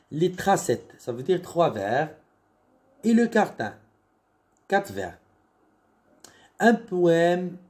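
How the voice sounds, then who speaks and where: A male primary school teacher with a Moroccan French accent, talking slowly and patiently through a lesson. His voice is mellow and a little high for a man. He explains step by step and often repeats words as he goes.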